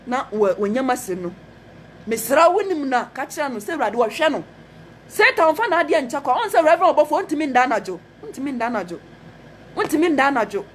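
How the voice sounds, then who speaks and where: A woman's voice: fairly high pitch, a little hiss or hum. A woman with a Ghanaian accent preaching a fervent message, repeating phrases and mixing Twi with English. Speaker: prophetess.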